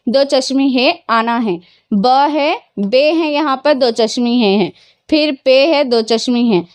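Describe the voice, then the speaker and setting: A woman's voice: sits high, slow, no echo. A woman teacher giving a grammar lesson to children, patiently asking questions and answering them herself, mixing English words into her explanations. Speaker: Urdu teacher.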